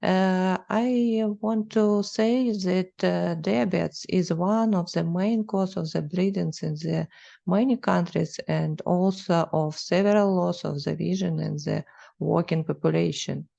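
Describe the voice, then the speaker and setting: A woman giving a conference presentation over a video call in slow, halting non-native English with a gravelly voice. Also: on the low side, fairly even intonation, dark tone, dull audio. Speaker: conference speaker. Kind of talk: webinar presentation.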